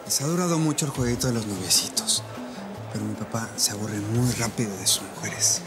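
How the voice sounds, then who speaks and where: An actor playing a jealous young heir with a mocking, condescending manner in a telenovela. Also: male voice, on the low side, a little fast, over music, natural voice. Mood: sneering. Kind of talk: telenovela acting.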